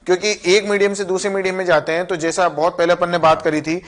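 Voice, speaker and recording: A man's voice: high voice, flat delivery, quick pace. A man co-teaching a physics lesson, reasoning through each point step by step. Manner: reasons step by step, checks with fillers like "ठीक है". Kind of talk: classroom lesson explaining concepts.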